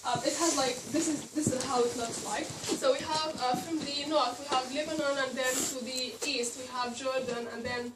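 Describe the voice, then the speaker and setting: A woman's voice: high-pitched, steady tone, normal speed, few pauses. Young woman, from Palestine, hesitant presenter, far from the mic, noticeable background noise. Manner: hesitant, with many fillers. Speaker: student presenter. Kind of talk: presentation to an audience. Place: hall. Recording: echoey hall, voice from far off.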